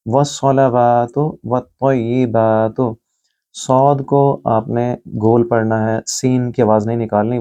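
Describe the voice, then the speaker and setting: Male tajweed teacher, Pakistani Urdu accent, level mellow voice, patient letter-by-letter explanation, dull lo-fi recording. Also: mid-range voice. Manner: patient, explains letter by letter, recites phrases slowly. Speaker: Quran recitation teacher. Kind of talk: tajweed lesson with slow recited examples.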